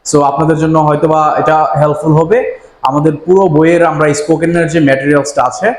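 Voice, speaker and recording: A man teaching English pronunciation, slowly repeating each letter name as he switches between Bengali and English. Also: fairly high pitch, level tone. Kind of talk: slow bilingual lesson, drilling letter names. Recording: echoey room with faint ambient noise.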